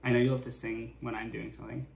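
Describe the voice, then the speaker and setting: A man's voice: medium pitch, flat delivery, very fast, gravelly, crowd noise. A young man chatting in playful, casual banter in an echoey room indoors. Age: young adult.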